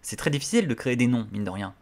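A man hosting a literature channel, explaining in a casual, halting way with frequent hesitations. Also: medium pitch, very animated, darkish tone.

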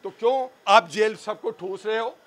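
A man argues politics in a heated back-and-forth, his voice very high and bright. He pushes his points hard and fast, stacking fillers as he goes. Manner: forceful, rapid, argumentative with repeated fillers. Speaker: street debate participant.

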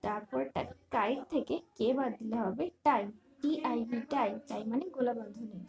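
A woman teaching a primary English lesson, spelling each word letter by letter and giving its meaning in a slow, deliberate way. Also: fairly high pitch, gravelly, poor audio. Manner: spells words letter by letter, then gives meanings. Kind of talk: reading out an English workbook lesson.

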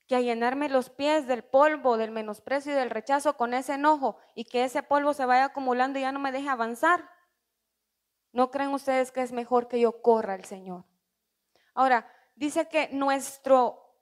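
A high-voiced woman delivering a sermon at church. She speaks earnestly, asks the congregation questions and acts out short heartfelt prayers. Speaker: preacher.

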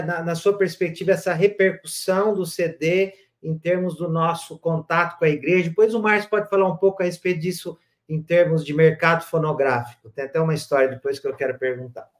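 A Brazilian man hosting a podcast, telling stories in a relaxed conversational way with frequent restarts. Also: high voice. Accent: Brazilian Portuguese. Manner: animated storyteller with frequent restarts. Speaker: podcast host. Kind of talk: casual storytelling conversation.

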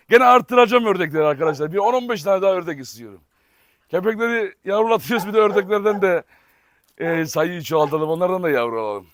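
A man vlogging outdoors as he handles his dogs, switching between affectionate baby talk and sudden shouts to keep them in line. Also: a little high. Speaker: dog breeder and vlogger. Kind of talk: casual vlog narration while handling dogs. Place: outdoor yard with dog kennels.

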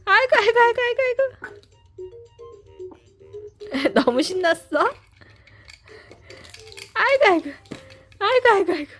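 A woman's voice: extremely high pitch, very animated, unhurried, pauses often, a bit bright, faint music behind. A woman cooing baby talk to an infant in a gushing, sing-song way.

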